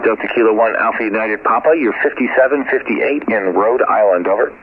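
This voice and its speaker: Guy doing a ham radio call, kinda low voice, lots of uhs, tinny shortwave sound w/ a bit of hiss. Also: fairly quick. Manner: spells call signs in phonetic alphabet, relaxed with many fillers. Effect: shortwave radio transmission. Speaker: amateur radio operator. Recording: tinny radio band with faint static.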